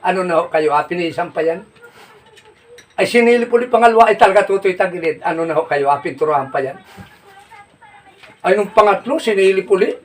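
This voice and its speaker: A man telling jokes in a folksy, rambling way, laughing at his own punchlines and shouting them out. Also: high voice, a little fast, long pauses. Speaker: comedy joke teller. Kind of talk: casual joke telling. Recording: distant mic with faint noise.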